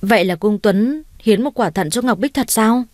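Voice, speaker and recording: A woman reading a scheming, sharp-tongued young woman. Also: mid-range voice, moderate pace, no room sound, natural voice. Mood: coaxing. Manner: cold, sharp. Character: scheming proud young woman, quick to anger.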